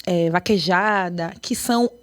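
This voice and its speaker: A woman from Bahia with a Bahian Portuguese accent, a dance choreographer and artistic director speaking in a podcast interview with animated emphasis. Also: fairly low pitch, unhurried. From Brazil, Bahia. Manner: animated, emphatic, lively storytelling.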